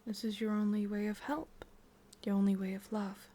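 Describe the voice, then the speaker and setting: A woman with an English accent whispers close to the microphone in a breathy, natural voice of medium pitch, at normal speed with flat delivery. In an ASMR roleplay she plays a possessive, lovesick witch, coaxing softly and intimately.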